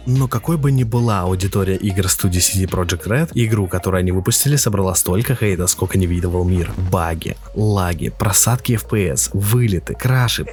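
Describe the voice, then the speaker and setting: A man's voice: low-pitched, a little mellow. A man narrating a scripted, opinionated video essay as a game reviewer. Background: faint music.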